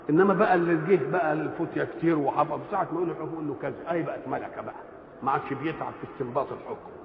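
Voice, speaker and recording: An older man with an Egyptian accent giving a colloquial religious lesson, asking rhetorical questions and answering them himself. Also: a little high. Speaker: Quran commentator. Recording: tinny lo-fi recording in echoey hall.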